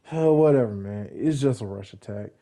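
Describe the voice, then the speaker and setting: A man's voice: mid-range voice, moderate pace, warm tone. A young man casually narrating a fan-made backstory, rambling, correcting himself and adding joking asides. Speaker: fan content creator.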